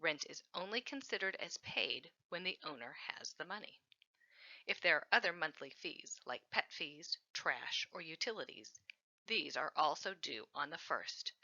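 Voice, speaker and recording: A woman narrating a scripted training lesson on renting, clear and instructive, stressing key words. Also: low voice, animated, moderate pace, sharp tone, muffled recording. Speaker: housing program trainer.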